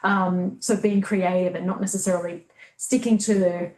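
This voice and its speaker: Over a video call, a woman appearing as a webinar guest muses on how to give presentations, pausing with fillers and starting sentences over as she thinks. Her mid-range voice is steady, a little mellow, and at normal speed, though the audio is poor and roomy.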